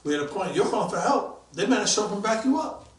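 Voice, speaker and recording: A man around sixty, a police detective guest telling stories in a casual interview. He is animated and acts out the voices of people he quotes. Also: sits high, fast talker. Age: about 60. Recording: roomy, mic at a distance.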